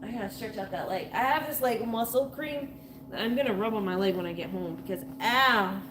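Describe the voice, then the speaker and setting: A woman in her late twenties with a medium-pitched, slightly fast voice chats casually on a live workout stream, often repeating herself as she exercises. She's in an indoor gym, with noisy ambience and a mic distance that keeps shifting.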